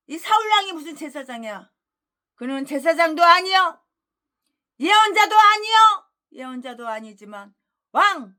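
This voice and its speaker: A woman pastor preaching an expository sermon, scolding hard, repeating phrases and swinging between loud rhetorical questions and low muttered insults.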